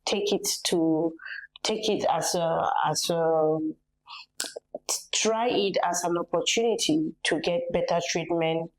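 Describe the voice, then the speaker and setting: A woman from Cameroon with a Cameroonian accent, speaking as an interview guest in a measured, earnest way with pauses and fillers. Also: fairly low pitch, fairly even intonation, rough recording. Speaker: medical tourism facilitator, patient's mother.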